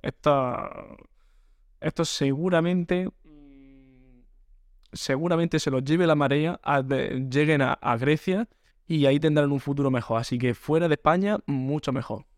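A young man putting on a stern, deadpan police officer. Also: a little high, unhurried, no room sound, clean studio sound. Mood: sarcastic.

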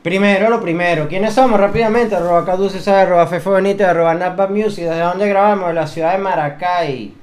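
A man's voice: high voice, steady tone, brisk, hardly any pauses. A man with a Venezuelan accent co-hosting a comedy podcast, joking, laughing often and doing mock ad reads. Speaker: podcast co-host. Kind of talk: casual comedic chat.

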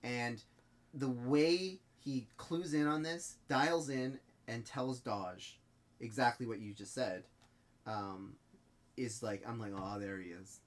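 A man co-hosting a podcast in casual chat, excitable and swearing often. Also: medium pitch, slow pace. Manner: excitable, profane, animated. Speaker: podcast co-host.

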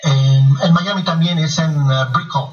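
A man with a fairly high-pitched voice speaks a little slowly as he interviews a guest on the radio. He reads out names and addresses methodically. The sound is echoey, distant and muffled like radio, with faint music behind.

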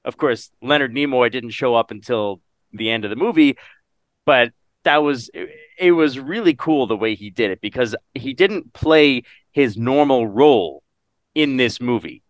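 A man chatting casually in a movie review podcast, animated and laughing often as he acts out lines from the film. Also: medium pitch, moderate pace, no room sound. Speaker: podcast co-host.

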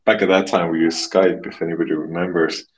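Estonian-born guy on a podcast, really deep voice, pretty monotone, keeps restarting his sentences. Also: low-quality recording. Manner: halting, restarts and repeats words often. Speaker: podcast guest, marketing expert. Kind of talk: casual interview conversation.

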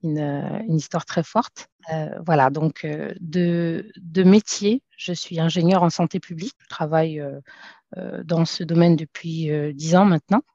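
A French woman in her thirties appears as a podcast guest in a casual conversational interview, speaking hesitantly with many fillers and restarts. Her voice is low, warm, steady and unhurried, with no echo, though the recording sounds dull, dry and lo-fi.

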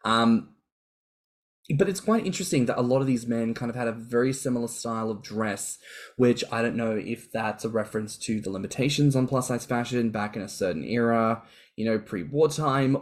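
A man's voice: medium pitch, darkish tone. A man co-hosting a casual podcast chat, musing at length with playful asides. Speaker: podcast co-host.

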